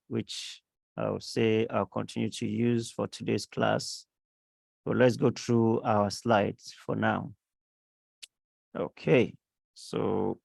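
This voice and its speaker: A man teaching a live online coding class with a sore throat, talking slowly with many pauses and fillers. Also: medium pitch, vocal fry, no echo. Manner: slow, halting, many fillers. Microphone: computer mic on a video call.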